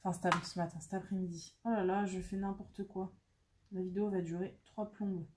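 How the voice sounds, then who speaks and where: A woman's voice: fairly low pitch, little pitch movement, brisk, noisy background. A woman chatting casually and mocking herself while she works on a craft, thinking aloud as she goes. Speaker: craft vlogger.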